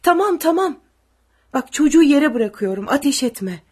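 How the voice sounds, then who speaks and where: A woman voicing a frightened father pleading loudly. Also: sits high, expressive, quick pace, voice pushed up. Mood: desperate pleading. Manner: loud desperate pleading. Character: frightened young father clutching his sick baby.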